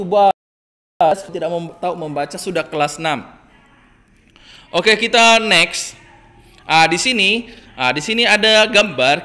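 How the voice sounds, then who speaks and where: A male primary school teacher giving a recorded online lesson, hesitant with many fillers and gently admonishing. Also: on the high side.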